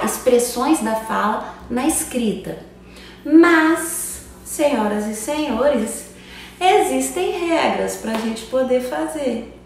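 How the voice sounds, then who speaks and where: Woman teacher, fairly high voice, chatty video-lesson delivery, echoey room with the mic a little far off. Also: slight background noise. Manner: chatty, asks "tá?" after almost every phrase. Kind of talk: online grammar lesson.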